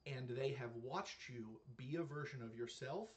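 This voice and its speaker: A man's voice: mid-range voice, a little slow. A man in his thirties or forties giving an earnest, casual reaction commentary to camera, with many fillers and restarts. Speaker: reaction video creator.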